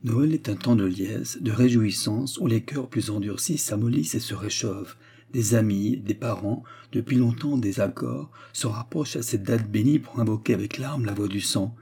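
A man voicing a cool, reserved gentleman in an audiobook, speaking in a measured way. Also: lowish voice, gravelly, breathy edge. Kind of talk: audiobook character reading.

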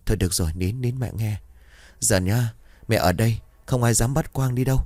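A man's voice: medium pitch, brisk, warm tone, dry recording, close to an everyday voice. A man voicing a worried young mother who soothes her husband and child. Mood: soothing. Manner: soothing, anxious.

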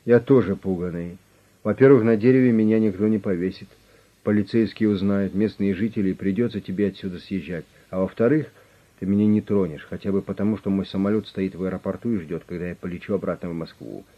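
A calm, insistent negotiator who presses his offer without hurrying, as a male reader plays him. The voice is lowish and even. It comes through a dull, lo-fi recording. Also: fast. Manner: steady, insistent, persuasive. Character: calm, pushy male negotiator with an official manner.

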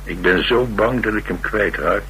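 Wry and boastful, the Dutch fugitive of this radio drama trades flippant, sardonic, colloquial banter with a streetwise swagger, restless and cocky. His voice is very low yet bright and forceful, at a moderate pace. The audio is poor, with faint hum and hiss.

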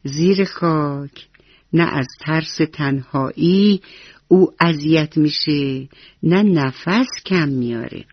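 A woman's voice: on the low side, big pitch swings, pauses often, husky, dry recording, muffled recording, heavily acted. A woman voicing a loving old grandmother who speaks in a tender, reassuring way.

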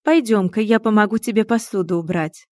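A woman voicing a fussy, indignant middle-aged mother-in-law who talks loudly and pointedly. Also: fairly quick, no room sound, studio quality, natural voice. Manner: high, loud and indignant.

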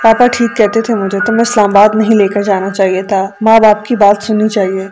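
A woman's voice: mid-range voice, little pitch movement, music in the background, lightly acted. Stern young husband, read by a woman. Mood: earnest. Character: young husband, stern, quick-tempered, tender underneath.

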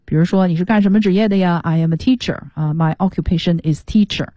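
A woman's voice: fairly low pitch, fast talker, mellow, dry recording. A woman teaching an English lesson on the radio, explaining words patiently and mixing English terms into her talk.

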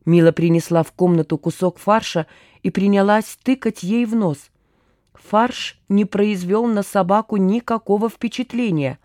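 A woman narrating an audiobook in a measured, wry storytelling manner on a close mic. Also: medium pitch, a little mellow, dry recording. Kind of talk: scripted narration.

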